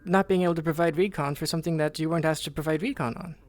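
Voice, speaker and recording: A man talking casually in character during an online roleplay, halting and repeating words as he restarts. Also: fairly high pitch, steady tone.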